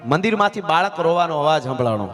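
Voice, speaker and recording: A man's voice: fairly high pitch, lively intonation, fast. A man telling a folk story on a live stage, dramatic and rhythmic, joking with the audience. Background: folk instrumental music.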